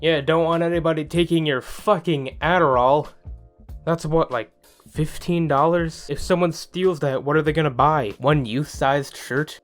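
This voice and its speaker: A man's voice: a little high, steady tone, measured pace, faint music behind. A young man doing sarcastic, profane comedic commentary as a YouTuber, sometimes slipping into a mock infomercial voice.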